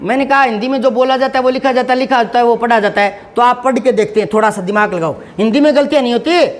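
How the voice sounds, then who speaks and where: A man's voice: very high voice, fast talker. A middle-aged man giving a Hindi grammar lesson. He is patient, repeats and stretches sounds to show how they are spoken, and often checks whether students follow. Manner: patient, repeats and drags out sounds to demonstrate pronunciation; asks rhetorical check-in questions. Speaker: Hindi teacher. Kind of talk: classroom-style grammar lesson.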